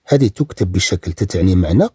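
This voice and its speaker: Husky Moroccan man teaching French. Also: low-pitched, animated, mellow, no room sound, clean studio sound. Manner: repeats words slowly, drawn out for pronunciation. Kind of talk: recorded language lesson.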